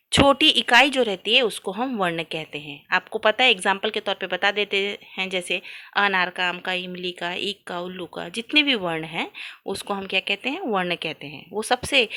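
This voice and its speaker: Bright-voiced woman teaching grammar. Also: medium pitch. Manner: asks the class questions and answers them herself, stretching out sounds to demonstrate. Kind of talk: classroom-style lesson.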